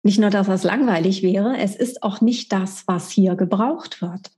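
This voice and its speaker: A woman's voice: mid-range voice, unhurried, mellow. A middle-aged woman giving a monthly spiritual energy forecast, speaking directly and emphatically to the listener as a coach.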